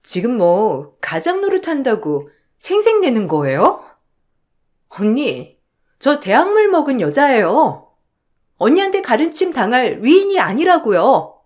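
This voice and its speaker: A woman's voice: high-pitched, huge pitch swings, unhurried, darkish tone, full character voice. A woman voicing a spoiled, entitled young sister-in-law who makes mocking, whiny demands. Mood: sassy.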